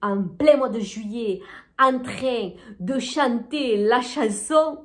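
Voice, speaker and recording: A woman's voice: a little high, slow. A woman telling a comic story, chatty and full of fillers, who laughs at her own jokes. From Arles, southern France. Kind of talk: comic monologue told to an audience.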